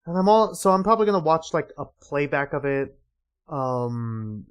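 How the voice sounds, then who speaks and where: A man's voice: fairly high pitch, moderate pace, smooth. A tired young man with a slightly sore throat, chatting casually while streaming and reading game dialogue. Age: young adult. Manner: rambling, many fillers, reads dialogue aloud. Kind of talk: casual live gameplay commentary.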